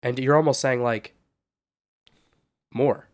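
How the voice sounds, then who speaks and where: A man's voice: mid-range voice, fairly even intonation, slow pace. Congested man in a casual podcast chat. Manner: hesitant, restarts and stacked fillers. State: stuffed-up nose from a cold. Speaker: podcast co-host.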